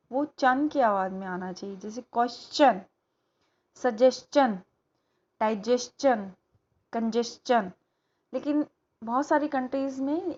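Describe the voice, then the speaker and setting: Indian woman teacher, slow careful explaining, kinda high voice, dull lo-fi sound. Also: darkish tone. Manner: slow, deliberate explanation with repeated example words. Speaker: English teacher. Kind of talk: spoken-English lesson in Hindi.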